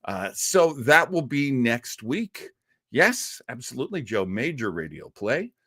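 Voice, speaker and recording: Here the host keeps a measured pace while staying very animated, his mid-range voice fairly bright as he chats loosely with live chat viewers. He answers them in a rambling way full of laughs and restarts, and the studio sound is clean and echo-free.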